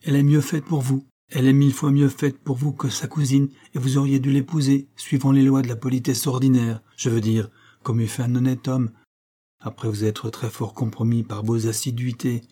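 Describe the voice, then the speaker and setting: A male audiobook narrator voices a sentimental young gentleman who has had too much to drink. He pleads with warm insistence, his voice dark and a little husky, lifted slightly above the narrating tone. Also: medium pitch, little pitch movement, moderate pace, lightly acted. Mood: pleading. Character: young man, tipsy and sentimental.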